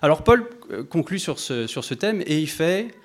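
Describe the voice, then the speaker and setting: A man preaching a sermon to a congregation, thoughtful and conversational, often pausing and restarting as he addresses his listeners directly. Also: a little high, big pitch swings.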